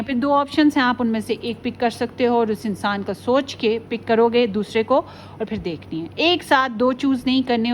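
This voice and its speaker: A woman hosts a relaxed pick-a-card tarot video, speaking in a fairly high voice. She is chatty, sprinkles English phrases through her talk and keeps checking in with her viewers. A faint background noise sits under her voice. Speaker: tarot reader.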